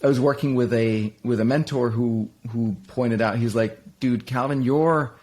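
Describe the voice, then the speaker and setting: Speaking at a normal pace in a medium-pitched, darkish voice, a middle-aged man from Denmark gives a reflective personal interview. He's candid, with frequent fillers and restarts.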